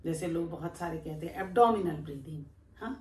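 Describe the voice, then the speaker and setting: A woman yoga teacher giving a calm, step-by-step breathing lesson while she demonstrates it. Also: fairly low pitch, fairly quick. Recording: echoey room with faint background noise.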